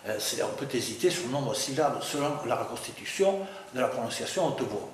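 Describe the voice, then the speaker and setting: A man's voice: medium pitch, animated, fairly quick. A man giving an academic lecture, talking to a class in a hesitant way with stammered restarts and repeated words. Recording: very echoey room, faint background noise.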